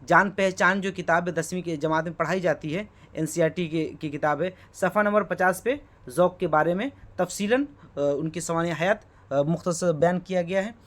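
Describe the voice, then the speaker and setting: A man's voice: sits high, moderate pace, few pauses, a bit bright. A man teaching a lesson on poetry terms, who asks himself rhetorical questions, checks in with "okay" and spells words out letter by letter. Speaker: Urdu teacher. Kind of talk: exam-prep lesson explaining Urdu poetry.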